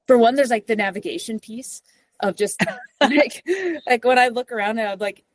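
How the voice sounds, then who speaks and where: A young New York City woman, a mountain guide appearing as a podcast guest, answers interview questions from her office cubicle. Her fairly high voice stays steady at a moderate pace, and she's thoughtful, filling her answers with "like" and frequent restarts.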